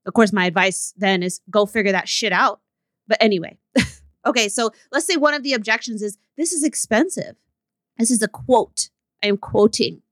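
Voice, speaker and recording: A woman's voice: medium pitch, normal speed, fairly bright tone, dry recording, clean studio sound. A woman hosting a solo podcast, talking frankly and conversationally, often tagging her points with "right?". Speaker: podcast host and business coach.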